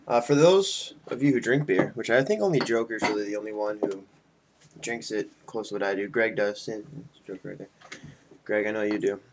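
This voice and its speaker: Speaking fairly quickly in a fairly low voice, this twenty-something video blogger has had some beer and chats casually to friends. He records a homemade vlog in a small indoor room at home, the webcam mic at arm's length with faint noise in the audio.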